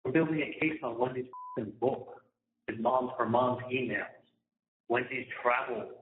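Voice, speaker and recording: A man's voice: mid-range voice, normal speed. A man on a prison phone, talking to his mother in an agitated, indignant way, repeating himself and swearing. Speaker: inmate calling his mother. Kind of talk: phone conversation. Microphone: prison phone handset. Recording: tinny echoey prison phone line.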